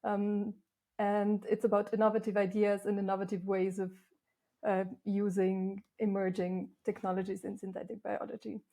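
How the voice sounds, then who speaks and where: Mellow young Slovenian woman explaining. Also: mid-range voice, level tone, moderate pace. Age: young adult. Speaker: guest, master's student. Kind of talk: casual interview on a video call. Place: bright room with a window indoors.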